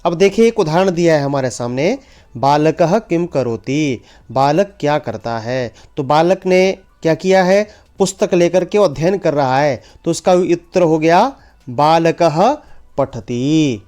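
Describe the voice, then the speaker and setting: Male teacher, somewhat high voice, unhurried drill delivery, soft music beneath. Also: animated. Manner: slow, drills pronunciation by repeating words. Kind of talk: online Sanskrit lesson in Hindi.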